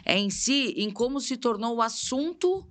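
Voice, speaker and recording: A woman with a Brazilian Portuguese accent hosting a podcast, asking lively, curious questions. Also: a little high, normal speed. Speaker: podcast host. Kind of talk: casual interview questions.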